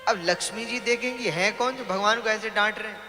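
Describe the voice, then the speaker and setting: A man's voice: sits high, fairly quick. A man telling a devotional story as a preacher, dramatic and acting out the voices. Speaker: religious storyteller. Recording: reverberant hall with music.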